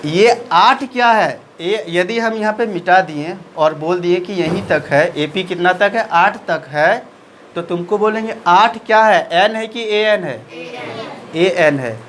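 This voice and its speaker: A man's voice: high-pitched, takes it slowly, a bit bright, slight background noise, rough recording. A man teaching a maths lesson in speech, asking questions and answering them himself.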